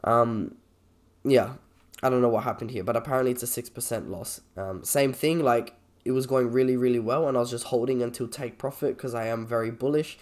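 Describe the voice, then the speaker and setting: A man with a croaky, slightly sick voice, talking informally and a little hesitantly as he reviews trades on a screen recording. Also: mid-range voice, brisk, a little mellow. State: sick with a cold or cough. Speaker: trader presenting a video.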